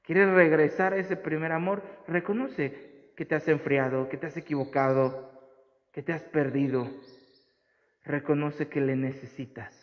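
A man's voice: fairly high pitch, steady tone, a little slow. A man giving a homily at mass, earnest and building to emphatic repetitions. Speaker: priest. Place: church. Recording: dull sound with long church reverb.

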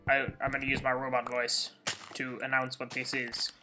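A young man hosting a let's play, excitable and rambling, jittery from coffee and breaking into sudden high squeals. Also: normal speed. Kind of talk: casual gameplay commentary. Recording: game music playing loudly behind. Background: video game music.

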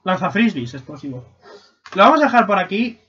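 A young man commenting casually on a video game stream, swearing and breaking into excited shouts. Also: high voice, a little fast, slightly rough. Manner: excitable, swearing, bursts into shouts and silly voices. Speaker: gaming streamer. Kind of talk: casual let's-play commentary. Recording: lo-fi stream mic audio.

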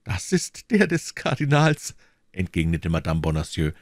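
A man's voice: low-pitched, big pitch swings, a little slow, no room sound, studio quality, full character voice. A man voicing a tender, frightened young woman in an audiobook, pleading in a raised voice. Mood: anxious. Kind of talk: audiobook reading, acted dialogue.

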